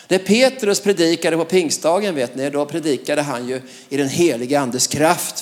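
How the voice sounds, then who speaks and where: A high-voiced male preacher delivers a lively, emphatic sermon, laughing between phrases and often saying "va?".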